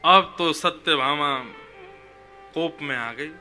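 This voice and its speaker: A man telling a devotional story in a lively, animated way, putting on the voices of the figures in it. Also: on the high side, slow, soft background music. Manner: animated, voices the figures in his tale, chuckles.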